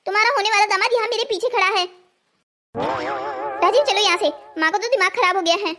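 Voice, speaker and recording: A woman's voice: very high-pitched, fairly quick, a crowd in the background. A woman voicing a confused, indignant twenty-one-year-old woman in a cartoon story. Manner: indignant, bewildered. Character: young woman of 21, confused and stubborn.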